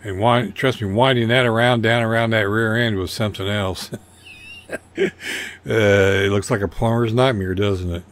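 A man's voice: on the low side, fairly even intonation, moderate pace. An older man casually narrating his model car build over photos, rambling and folksy with a self-deprecating humor.

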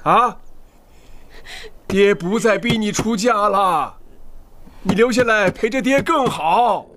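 A man's voice: high voice, takes it slowly, fairly bright tone, a little hiss or hum. An actor playing a worried old father who pleads with and coaxes his daughter in a period TV drama. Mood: desperate pleading. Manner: pleading, coaxing.

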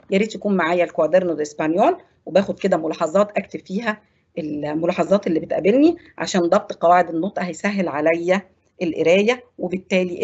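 A woman with an Egyptian Arabic accent teaches a televised Spanish class. Her voice is slightly husky, and she walks through the rules step by step, repeating words slowly. The broadcast sound is dull and lo-fi. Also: fairly low pitch, a little mellow.

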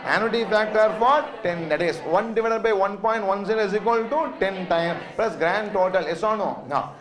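A man's voice: sits high, normal speed, a crowd in the background. A man with a South Indian Tamil accent lecturing a class step by step, emphatic and repetitive, constantly checking with short questions. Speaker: finance teacher.

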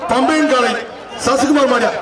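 A man announcing a bull-taming event through a public address loudspeaker, loudly repeating calls and praise. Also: very high voice, normal speed. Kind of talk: live event commentary. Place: outdoor bull-taming arena. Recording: echoing loudspeaker from far off, loud crowd.

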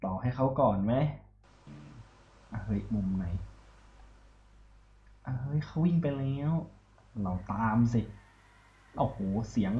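A man giving casual, chatty commentary while playing a video game, getting excitable during races. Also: medium pitch, echoey room, dull audio. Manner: chatty, excitable when racing. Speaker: gaming YouTuber.

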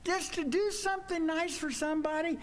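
A man's voice: fairly even intonation, brisk. An older man preaching a folksy, conversational sermon in a church sanctuary, his voice climbing when he presses a point. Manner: folksy, conversational, pitch swings up when emphatic. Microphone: stand mic at pulpit.

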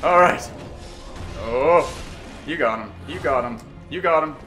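A man giving let's play commentary, muttering quietly and then yelping, screaming and laughing when startled. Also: on the high side, a little slow. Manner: quiet, mumbled asides between outbursts. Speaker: gaming channel host. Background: game music.

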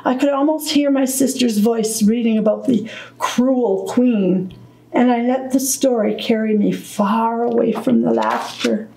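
A woman reading a children's book aloud at storytime, slow, deliberate and gentle. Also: fairly high pitch, fairly even intonation, creaky, roomy sound, poor audio. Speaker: storytime reader.

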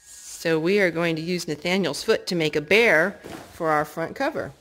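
A parent hosting a children's craft video chats casually with small children, narrating the craft in an encouraging, sing-song way. Her voice is on the low side and fairly bright, at a moderate pace. She's filmed on a handheld phone indoors at home in a wood-floored living room.

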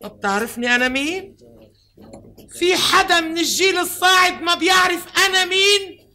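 A woman's voice: sits high, lively intonation, fairly quick, bright, forceful tone, full character voice. An actress playing an eccentric woman in an asylum, in a Lebanese accent, insistent and theatrical. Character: eccentric woman asylum patient claiming grandeur. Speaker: asylum patient. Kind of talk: 1970s TV comedy acting.

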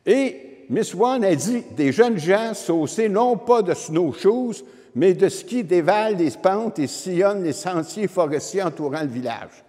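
This public lecture comes from a historian in his seventies with a Quebec French accent, who explains history informally and speaks straight to his audience through a handheld microphone. His high, dark voice is expressive and a little slow. The recording echoes around a wood-panelled room.

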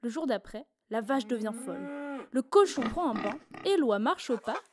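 A woman reading a children's story aloud in a playful, expressive storyteller manner. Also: high-pitched, moderate pace, a crowd in the background.

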